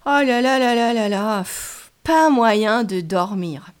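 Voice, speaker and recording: A woman's voice: on the high side, expressive, takes it slowly, clean tone. A woman voicing a chatty, fretful little boy who cannot sleep, sighing and whining with lots of fillers. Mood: whiny.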